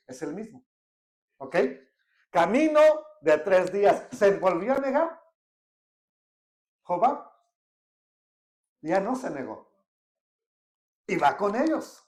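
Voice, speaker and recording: A Bible teacher leads a verse-by-verse study. The voice moves lively up and down as it asks listeners questions and reads verses aloud slowly. The room adds a clear echo. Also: medium pitch. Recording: echoey room.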